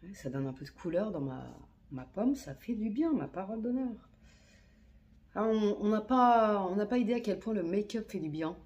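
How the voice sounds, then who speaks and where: A woman's voice: medium pitch, lively intonation, moderate pace, a little mellow, highs cut off. A woman chatting casually while filming a makeup tutorial on her phone, slangy and talking to herself as she works. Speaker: beauty vlogger. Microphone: phone camera.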